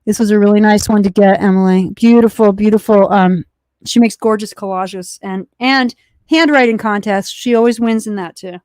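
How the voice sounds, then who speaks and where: A woman's voice: mid-range voice, fairly even intonation, moderate pace, darkish tone, no echo, rough recording. A woman co-hosting a live postcard show, reading mail aloud in casual chat and laughing easily.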